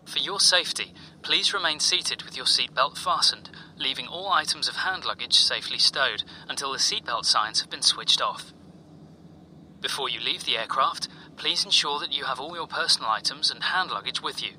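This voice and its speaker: A man playing a flight attendant, giving a formal, polite, scripted airline cabin announcement in a measured way. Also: medium pitch, sharp tone, a little hiss or hum, poor audio. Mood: formal, courteous.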